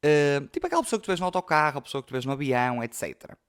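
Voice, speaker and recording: A man's voice: fairly high pitch, big pitch swings, rapid-fire, clean tone. A young man with a European Portuguese accent, hosting a podcast and telling personal stories in a chatty, emotional way full of fillers. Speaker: podcast host. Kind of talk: casual storytelling.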